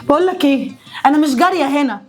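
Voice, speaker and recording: A woman's voice: high voice, expressive, very fast, darkish tone, soft background music. An actress with an Egyptian accent playing a proud young woman, formerly rich, talking bitterly and sarcastically. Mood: defiant. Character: proud young sister-in-law, fallen from wealth.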